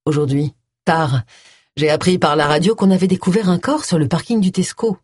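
Brief: reader voicing a patient ex-husband, steady and gentle; husky, dry audiobook read. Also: mid-range voice, normal speed, dry recording, lightly acted. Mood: calm. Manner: calm, concerned. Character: calm grey-haired man, ex-husband.

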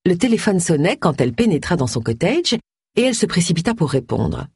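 A woman narrating an audiobook in a wry, lively storytelling manner. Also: fairly low pitch, fairly quick, husky, no echo. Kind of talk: scripted narration.

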